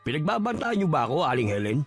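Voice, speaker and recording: A man acts out a swaggering young bully from the village, sneering and scornful, his voice pitched fairly high for a man. Faint music plays behind him in this audio drama. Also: big pitch swings, quick pace. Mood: taunting. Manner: taunting, scornful.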